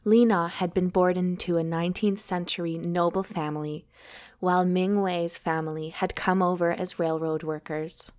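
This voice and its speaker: A woman's voice: fairly low pitch, fairly even intonation, normal speed, a little mellow. A woman co-host reading a novel aloud, with casual commentary along the way.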